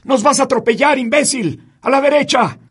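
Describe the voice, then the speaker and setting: A man voicing an angry male sleigh driver who yells insults from somewhere out of sight in a storybook reading. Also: extremely high pitch, a little fast, husky, voice pushed up. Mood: furious yelling. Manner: furious yelling.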